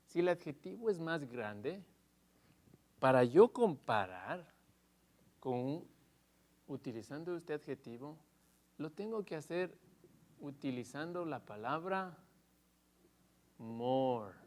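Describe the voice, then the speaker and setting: A man teaching English grammar in Spanish in a televised lesson, explaining step by step and loudly stressing each English example. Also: fairly high pitch, very animated, slow pace, long pauses.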